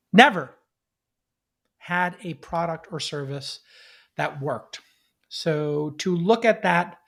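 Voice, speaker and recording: A man's voice: on the high side, vocal fry. A man hosting a podcast with off-the-cuff startup commentary, talking like an emphatic tech bro who repeats phrases for stress and leans on jargon. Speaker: podcast host.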